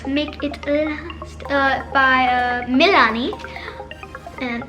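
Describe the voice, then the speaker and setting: A woman's voice: sits high, fairly even intonation, drawn-out words. A woman casually talking through a makeup tutorial, chatty, with lots of fillers and self-corrections. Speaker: makeup vlogger. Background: background music.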